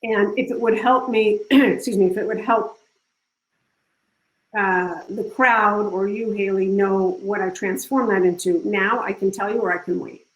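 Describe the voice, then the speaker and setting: A woman's voice: medium pitch, fairly even intonation, measured pace. Woman coaching on a roomy video call. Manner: casual, warm coaching with restarts. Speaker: workshop speaker. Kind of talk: live online workshop talk.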